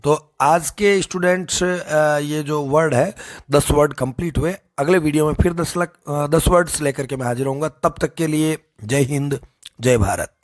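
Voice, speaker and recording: A man teaching English vocabulary in a folksy way, repeating key phrases and slowing down to stress words. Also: fairly high pitch. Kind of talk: explanatory lesson with memory tricks.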